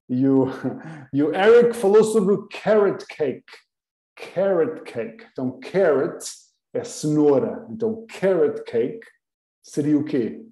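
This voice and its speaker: A man with a European Portuguese accent leads a relaxed online language lesson, taking his time and repeating each example phrase with care. His voice is mellow and unhurried, and it rings a little in an echoey room. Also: fairly high pitch. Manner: patient, repeats example phrases slowly and clearly. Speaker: English teacher.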